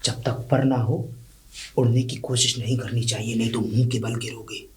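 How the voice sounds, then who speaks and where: An actor playing a proud, contemptuous landowner father who delivers slow, weighty warnings. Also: mid-range voice, level tone, lightly acted. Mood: stern. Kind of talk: low-budget film drama acting.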